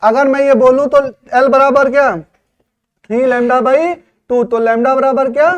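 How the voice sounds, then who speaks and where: A man's voice: very high-pitched, level tone, takes it slowly. A male physics teacher, lecturing a class and answering his own questions as he goes.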